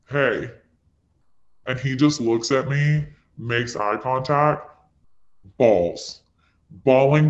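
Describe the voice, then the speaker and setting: A young adult man spins a dramatic personal story, rambling and peppering it with "like." His voice sits at an ordinary middle pitch. The recording is dull and lo-fi. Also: roomy sound. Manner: rambling, full of "like" fillers, dramatic retelling. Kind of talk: casual storytelling.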